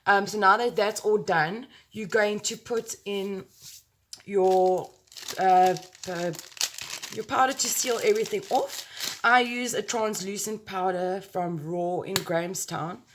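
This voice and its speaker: Speaking slowly at medium pitch over a noisy background, the South African woman chats her way through a makeup tutorial close to her phone, playful and rambling with exclamations and sound effects.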